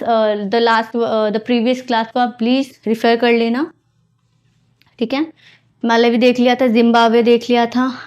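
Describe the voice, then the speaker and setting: A woman's voice: fairly high pitch, darkish tone, dull audio. A woman teaching an exam-prep geography lesson, mixing Hindi and English and explaining patiently with memory tricks.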